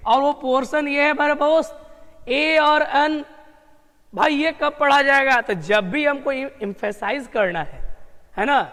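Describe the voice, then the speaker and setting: Male grammar tutor with a very high voice, chatty and repetitive, treats students like close friends, long reverb on the recording. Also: fairly bright tone. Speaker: English grammar teacher. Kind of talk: exam-prep grammar lesson.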